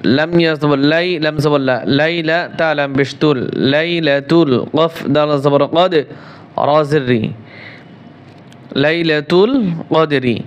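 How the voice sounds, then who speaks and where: Bangladeshi Bengali male Quran tutor, very unhurried, spells each syllable before chanting the verse. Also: fairly high pitch, smooth, highs cut off. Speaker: Quran recitation teacher. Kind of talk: spelling-out Quran lesson with slow recitation.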